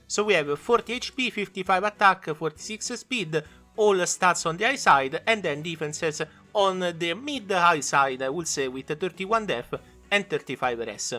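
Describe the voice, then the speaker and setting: A man's voice: a little high, bright, forceful tone. A man hosting a gaming video, giving casual showcase commentary.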